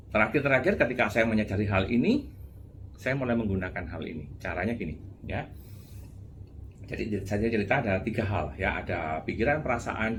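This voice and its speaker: A man's voice: fairly low pitch, a little hiss or hum. A man giving a casual motivational talk, chatty and full of little tag words. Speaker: motivational speaker.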